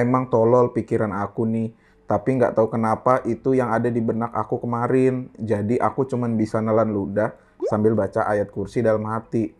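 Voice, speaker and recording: A man casually reading a listener's horror story aloud in a lively, slangy way. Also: lowish voice.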